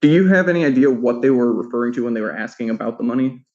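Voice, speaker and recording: A man questioning a witness in court in a measured, methodical way. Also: medium pitch, lively intonation, muffled recording, a crowd in the background. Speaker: attorney.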